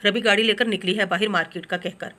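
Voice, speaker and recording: A woman's voice: medium pitch, fairly even intonation, fast talker, sharp tone, lightly acted. A woman voicing a worried middle-aged mother. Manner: anxious.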